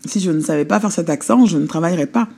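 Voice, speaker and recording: A woman actress talks bluntly and casually in an interview. Her voice is low and dark. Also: fast talker, creaky, husky. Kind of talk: documentary interview.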